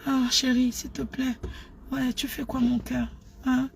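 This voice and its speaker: A woman playing a sultry lover on the phone, in a whispered role-play that is soft, breathy and coaxing. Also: high voice, flat delivery, measured pace, a little hiss or hum, exaggerated voice.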